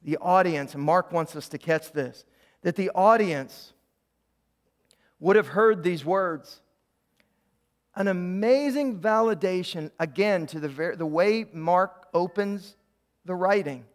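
A man's voice: high voice, slow. A man preaching a sermon as a pastor in a church, stopping and restarting phrases and asking the congregation to repeat lines after him. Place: church sanctuary.

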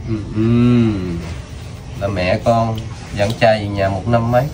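A man interviewing a child, asking gentle, coaxing questions with many fillers. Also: fairly low pitch, little pitch movement, takes it slowly. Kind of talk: casual street interview. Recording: outdoor video with noticeable background noise.

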